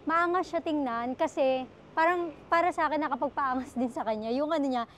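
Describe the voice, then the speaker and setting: High-voiced chatty woman showing cars. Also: a little fast, fairly bright tone, slight background noise. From Philippines. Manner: chatty, full of fillers, keeps addressing viewers as guys. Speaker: used car dealer salesperson. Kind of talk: casual car walkaround vlog.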